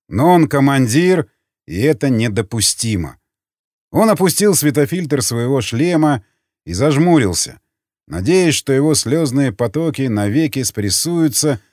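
Guy reading a dramatic audiobook, very lively pitch, faint music under. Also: no echo. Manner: expressive, shifting voices for each character. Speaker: audiobook narrator.

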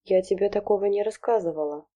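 A jittery teenage girl, afraid of her parents, who hisses her words under her breath, as a woman reads her. The voice is a little higher than the reader's own and keeps its dark, mellow timbre. It is an audiobook reading. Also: fast talker, husky, close to an everyday voice. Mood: earnest. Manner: anxious, hissing under breath. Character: nervous, well-behaved teenage girl fearing her parents.

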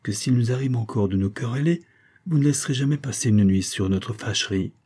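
A man reading a story voices a capricious, quick-tempered young woman who turns pleading and coaxing. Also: mid-range voice, dark tone, natural voice.

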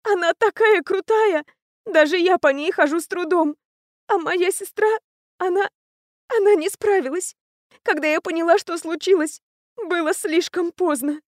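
A proud young captive princess speaks in a high, hoarse, weakened voice, as a woman reads her in an audiobook. The recording is dry and close-miked. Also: brisk, dry recording, close to an everyday voice. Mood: sobbing. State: hoarse and weak.

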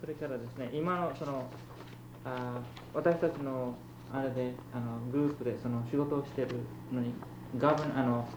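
A woman conducting an informal interview, feeling her way through phrases in a hesitant, halting manner. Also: a bass voice, fairly even intonation. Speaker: oral history interviewer. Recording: muffled, echoey, noisy tape recording.

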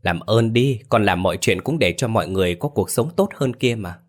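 A weary young villager, stern and protective, gives curt, hushed orders, as a man reads him. The voice is deep and low, and it barely strays from the narrator's own. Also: expressive, a little fast.

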